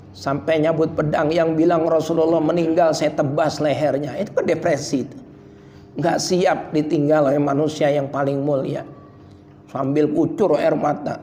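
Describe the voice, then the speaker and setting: A male preacher giving a lively, joking sermon at an evening study in a prayer room, often mimicking other voices and swinging between loud and soft. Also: a little high. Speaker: Islamic preacher. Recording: reverberant room with faint background noise.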